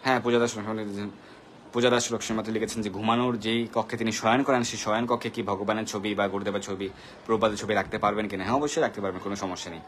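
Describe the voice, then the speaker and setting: Man, devotional Q&A host, quick pace, patient teaching manner, faint background hiss. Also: on the low side, fairly even intonation, fairly bright tone. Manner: patient, instructive, greets viewers one by one. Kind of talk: live devotional Q&A, reading viewer comments.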